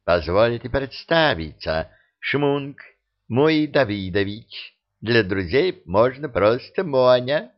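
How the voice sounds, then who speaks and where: A man voicing a round, beaming, smooth-talking male trader who wheedles and bargains, in a dull lo-fi audiobook recording. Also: mid-range voice, very animated, takes it slowly. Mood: ingratiating. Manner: ingratiating, wheedling.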